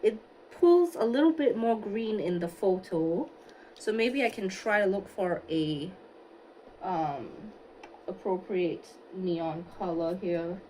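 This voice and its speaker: A woman's voice: mid-range voice, lively intonation, takes it slowly, mellow, a little hiss or hum, poor audio. A woman from Singapore livestreaming a makeup look, chatting casually and thinking aloud as she answers viewers. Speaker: beauty livestreamer. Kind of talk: casual livestream chat while doing makeup. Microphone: phone on a stand.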